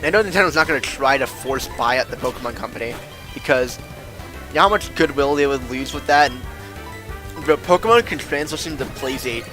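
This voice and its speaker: Over background video game music, a young man with a lisp rambles casually during his game stream, full of slang and jokes at his own expense. His voice sits in the mid range, and he keeps a brisk pace.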